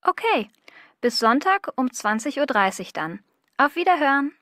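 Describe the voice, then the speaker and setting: Woman playing polite restaurant phone lady, high voice, language lesson dialogue, very dry. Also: sing-song, moderate pace, fairly bright tone, dry recording. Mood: polite, helpful. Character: polite, helpful female restaurant employee on telephone. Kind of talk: acted language-course dialogue.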